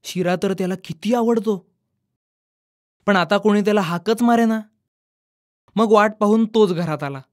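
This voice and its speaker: A woman narrating a children's storybook in a calm, expressive way. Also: medium pitch, measured pace, pauses often.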